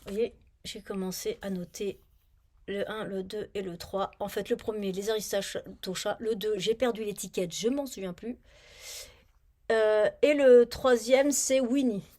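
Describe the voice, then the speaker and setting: A woman's voice: mid-range voice, steady tone, a little slow, warm tone. A woman chatting casually on her knitting vlog, rambling, muttering to herself as she looks for things and grumbling about a badly written pattern. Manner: grumbling, annoyed. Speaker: knitting vlogger.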